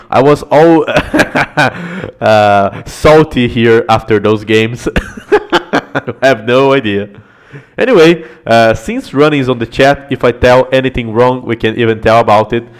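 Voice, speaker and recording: A man streaming live game analysis, chatting with viewers, swearing often and laughing a lot. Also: medium pitch.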